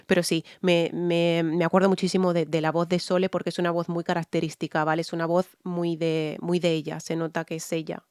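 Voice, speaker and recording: A woman's voice: fairly low pitch, little pitch movement, brisk, a little mellow, smooth, no room sound, clean studio sound. Frank Spanish woman analyzing vocals. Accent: Spain. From Spain. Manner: frank, explanatory, frequent "¿vale?" check-ins. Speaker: vocal coach. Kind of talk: music reaction and vocal analysis.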